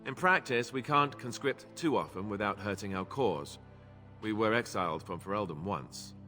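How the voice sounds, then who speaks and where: A young knight of a chivalric order in a video game, earnest and explanatory, speaks in a lowish, forward voice with some brightness on top. His explanations are measured and self-deprecating, and expressive. Long reverb trails his words, and faint music plays behind.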